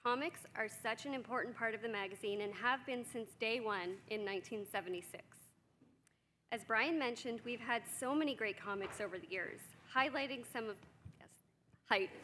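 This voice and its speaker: A woman's voice: on the high side, bright, forceful tone. A woman accepting a certificate on behalf of a magazine, giving a gracious prepared thank-you speech. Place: banquet hall. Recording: reverberant hall with faint noise.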